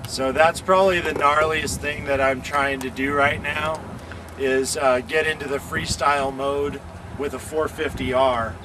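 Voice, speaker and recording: An extreme sports athlete from California's Lake Tahoe area is interviewed outdoors beside a motorcycle, chatting casually in a laid-back, rambling way with surfer slang and lots of fillers. His voice is a little high, unhurried, and fairly even in intonation, and the noisy outdoor recording picks up traffic.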